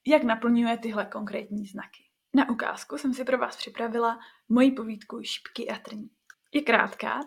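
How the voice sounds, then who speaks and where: A woman teaching creative writing, reading her own short story aloud in a clear, measured way. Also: on the high side.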